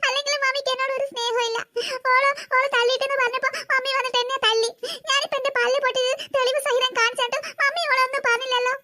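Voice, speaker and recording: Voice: very high voice, flat delivery, quick pace, pushed and bright, full character voice. A performer voicing a sulky older sister in a cartoon, a girl who whines and complains to her mother. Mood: whining. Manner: whining, complaining.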